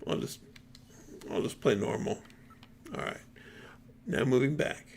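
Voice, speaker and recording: A man's voice: mid-range voice, measured pace, vocal fry, a little hiss or hum. A man streaming a game, reading dialogue aloud with chatty asides.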